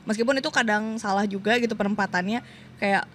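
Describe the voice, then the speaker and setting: A woman's voice: mid-range voice, fast, fairly bright tone. Chatty woman telling a story with faint background noise. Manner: chatty storyteller, acts out quoted voices, laughs often. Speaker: podcast guest. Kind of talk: casual podcast chat.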